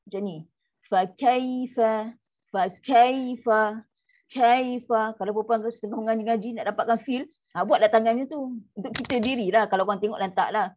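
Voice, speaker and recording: A woman with a Malaysian Malay accent teaching an online tajwid class, stretching out the demonstration syllables between quick explanations. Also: medium pitch, slight background noise. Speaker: Quran recitation teacher. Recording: muffled lo-fi audio.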